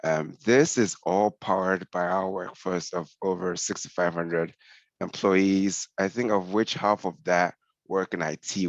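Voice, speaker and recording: A man's voice: sits low, no echo. A man from Ghana, a senior scrum master, giving a conversational webinar presentation over a headset on a video call. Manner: conversational, explanatory. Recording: dull lo-fi call audio.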